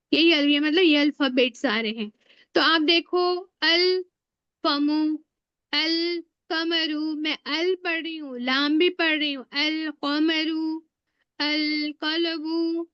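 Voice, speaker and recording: A woman teaching an online Arabic grammar class, slowly spelling out letters and often asking the class questions. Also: high-pitched, fairly bright tone, no room sound, muffled recording. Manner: slow and spelling out letters one by one. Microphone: online video call.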